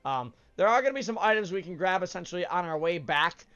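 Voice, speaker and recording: This high, expressive man talks fast with a slightly bright tone, though the recording is muffled. Stuffed up from a cold, he hosts a let's play and rambles through casual gameplay commentary. He's chatty, says "uh" a lot, and keeps correcting himself.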